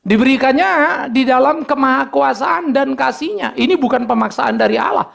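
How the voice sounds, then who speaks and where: A man's voice: very high voice, moderate pace, gravelly, a bit bright. A man from Indonesia preaching a sermon as pastor, mixing casual asides and acted-out dialogue into his talk.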